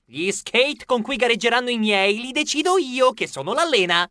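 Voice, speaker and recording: A man's voice: very high voice, expressive, normal speed, sharp tone, no room sound, studio quality, voice pushed up, heavily acted. A man voicing a brash young male mouse who coaches skateboarding, talking in bossy, clipped slang. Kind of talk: audiobook character voice.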